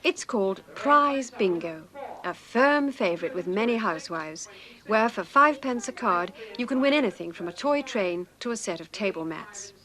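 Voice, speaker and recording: A woman's voice: mid-range voice, expressive, normal speed, fairly bright tone. A woman reporter reading a scripted narration.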